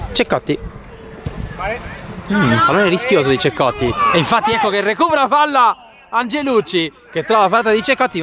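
High, animated male football goal commentator. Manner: animated, bursting into drawn-out shouts at goals and shots. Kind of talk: excited play-by-play goal commentary. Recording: crowd and outdoor noise behind.

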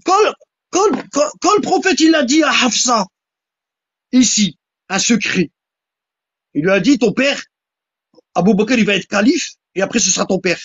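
A husky, insistent voice delivers a heated religious polemic and keeps hammering points home with repeated questions. The sound is dry and close, with a dull lo-fi quality. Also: mid-range voice, lively intonation, normal speed, pauses often, a bit bright, no echo. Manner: insistent, repeats "hein?" and "tu vois?"; emphatic, repeats lines for stress.

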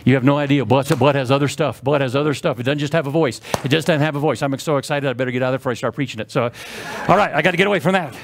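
A man's voice: medium pitch, very fast, hardly any pauses, a little hiss or hum. A man preaching a sermon as pastor, fervent and repetitive, leading his congregation in call-and-response.

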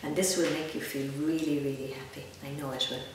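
Reading a picture book aloud for kids, this Irish-accented woman in her fifties, a guest storyteller, adds chatty asides and asks her young audience questions, lively yet gentle. She speaks low and a little fast. The sound is echoey, with a distant mic and faint noise.

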